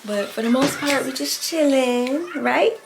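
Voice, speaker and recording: A young mom vlogs casually to her viewers from a car and a store, blunt, playful, and full of slang. Her high-pitched voice has vocal fry and a measured pace, with background noise and music playing underneath.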